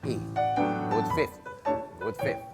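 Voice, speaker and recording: A man teaching a ballet class, giving firm, rhythmic counts and clipped commands. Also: slow. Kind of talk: instructing a ballet class, short counted cues. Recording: loud piano over the voice. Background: ballet class piano accompaniment.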